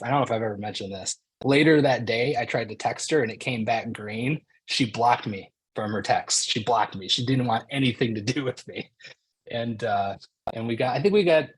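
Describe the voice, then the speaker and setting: A man speaking as a guest on a video call, telling a personal story with animation and acting out the shouted quotes. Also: medium pitch, breathy edge, poor audio.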